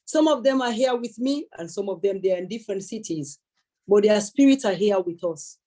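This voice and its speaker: A woman's voice: mid-range voice, animated, brisk, mellow. A young woman giving an earnest public speech at a celebration, emphatic, repeating her key words and thanking many people. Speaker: speaker at a celebration event.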